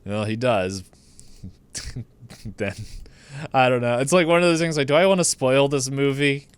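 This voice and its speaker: A podcast co-host gives a casual, rambling, comedic recap of a movie, laughing as he goes and acting out the characters' lines in his own words. His voice is medium-pitched and clean, at normal speed with no echo.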